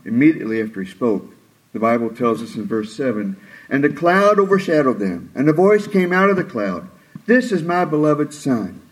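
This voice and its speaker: Male preacher, mid-pitched voice, animated sermon delivery with dramatic quotes. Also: rough recording. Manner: expressive, acts out quoted lines with rising pitch and slowed delivery.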